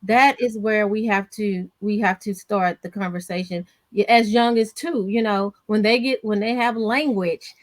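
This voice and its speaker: A woman in her forties, a nurse on a discussion panel, speaking in a colloquial, lively way with folksy asides. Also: medium pitch, normal speed, few pauses, no room sound.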